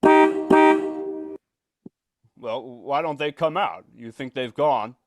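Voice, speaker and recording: A man's voice: a little high, huge pitch swings, very slow, exaggerated voice. A man playing a penny-pinching, anxious property owner in old-time radio suspense style, curt, skeptical and fretful. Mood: uneasy.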